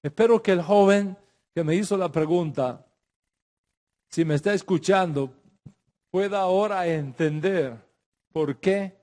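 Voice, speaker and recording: Speaking Spanish sprinkled with Hebrew religious terms, a middle-aged man leads a religious class with emphasis, often repeating himself and starting sentences over. His voice is a little high and mellow.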